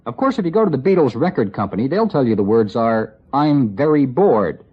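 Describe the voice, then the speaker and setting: A man's voice: mid-range voice, very animated, fast talker, a little hiss or hum. A man narrating a scripted radio report with wry, dry asides. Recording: lo-fi 1960s radio broadcast.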